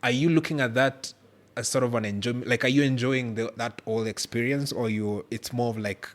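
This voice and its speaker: A man hosting a podcast, asking long questions with many pauses and restarts. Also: medium pitch. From Kenya. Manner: hesitant, many fillers and restarts while forming questions. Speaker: podcast host. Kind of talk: conversational interview questions.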